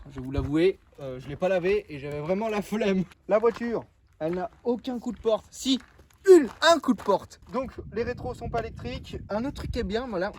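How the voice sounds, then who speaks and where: A man's voice: sits high, a little hiss or hum. A young man casually showing off his car outdoors, joking and rambling with lots of fillers. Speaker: car vlogger.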